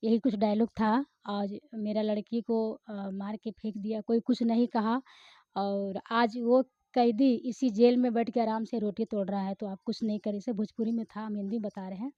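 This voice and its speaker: A woman's voice: mid-range voice, flat delivery, moderate pace, dark tone, no room sound. Rambling woman actor in an interview. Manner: chatty, rambling, with many hesitations. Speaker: film actor. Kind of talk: interview answers. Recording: slightly muffled, dry recording.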